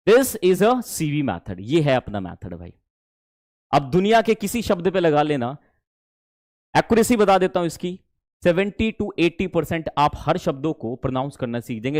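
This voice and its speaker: A man teaching spoken English in a live online class, coaxing his students and praising their answers, with an Indian accent in his English. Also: a little high. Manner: animated, coaxing, calls students "dear children".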